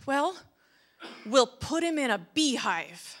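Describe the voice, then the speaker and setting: A woman's voice: high voice, big pitch swings, slow pace, full character voice. A woman voicing bumbling male palace guards in a spoken storybook tale, unsure and eager to please.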